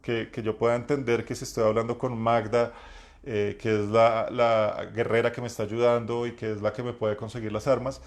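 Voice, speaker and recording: Deep-voiced man giving roleplay advice. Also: flat delivery, moderate pace. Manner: reflective advice with many fillers and restarts. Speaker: game master and host. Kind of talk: live talk on roleplaying. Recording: lower-quality live stream.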